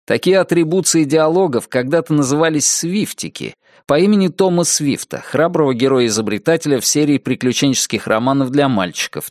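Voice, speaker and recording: A man's voice: medium pitch, no echo, studio quality. A man narrating a nonfiction audiobook, reading expressively and acting out the quoted lines.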